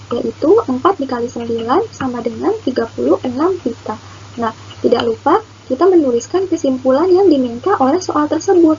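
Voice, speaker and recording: A woman's voice: sits high, a little mellow. A young woman narrating a children's lesson as a teacher, in a sing-song way as if reading to a toddler. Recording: muffled lo-fi recording, faint noise.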